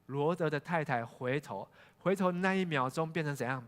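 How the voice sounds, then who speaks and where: A man's voice: on the high side, moderate pace, a bit bright. A male pastor preaching a sermon, telling a Bible story and asking the congregation questions. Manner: storytelling, asks the congregation questions, frequent "hao" fillers. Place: church sanctuary. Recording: long church hall reverb.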